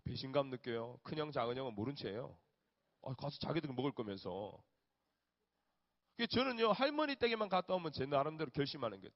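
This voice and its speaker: Guy youth pastor, fairly high voice, storytelling sermon, dull muffled echoey church audio. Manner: animated storyteller, acts out family voices. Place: church hall.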